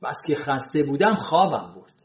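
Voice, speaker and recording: Male storyteller, roomy muffled sound. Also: a little high. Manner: lively, expressive storytelling. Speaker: narrator. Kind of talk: storytelling reading.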